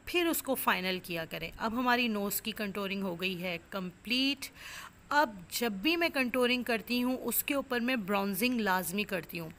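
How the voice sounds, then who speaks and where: Her voice sits slightly high and sounds fairly bright as she guides viewers through a makeup look. She's a makeup artist from Pakistan, walking through each step and describing products and methods, using plenty of filler words along the way.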